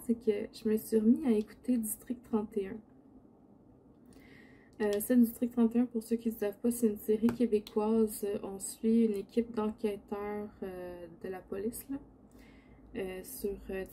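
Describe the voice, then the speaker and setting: Quebec french lady just chatting while she crafts, very soft dark morning voice, bit of background noise. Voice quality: low, sleepy morning voice. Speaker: diamond painting video host. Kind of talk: casual chat while crafting. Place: indoor home craft setup.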